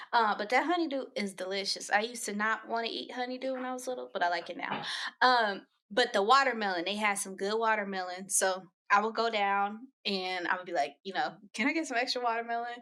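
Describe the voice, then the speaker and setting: A young woman co-hosting a casual podcast with her dad, telling stories in an animated way and laughing often. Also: on the high side. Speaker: podcast co-host. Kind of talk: casual chat.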